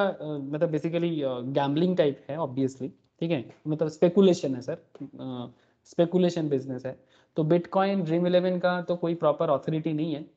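A man's voice: a little high, warm tone. Man teaching a class, lo-fi call recording. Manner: explains with rhetorical questions and frequent checks. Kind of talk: online class lecture. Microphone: computer mic on a recorded video call. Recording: dull lo-fi meeting recording.

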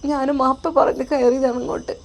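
A woman voicing a gentle, tearful young wife who forgives, speaking in a soft, raised, consoling tone with a Malabar Malayalam accent. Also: high voice, flat delivery, fast, voice pushed up.

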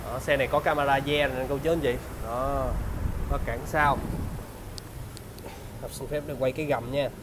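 A man in his thirties with a southern Vietnamese accent, giving a used car salesman's walkaround pitch in polite, repetitive sales patter. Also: fairly even intonation, normal speed, long pauses, noisy background. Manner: salesman's patter, polite address and repeated selling points. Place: large open car service bay.

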